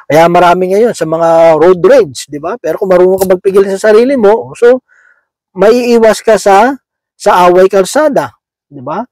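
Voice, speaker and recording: A man's voice: high-pitched, lively intonation, normal speed, a little mellow, no echo, rough recording. A man preaching a sermon in a conversational way, checking in with his listeners after nearly every phrase.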